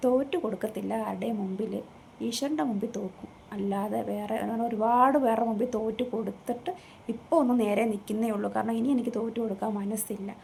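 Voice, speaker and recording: A woman with a fairly high, steady voice, gravelly and a little mellow, talks fast into a phone she holds herself while vlogging from a room at home. She's earnest and rambling in this casual chat, revisiting the same points again and again, with faint background noise.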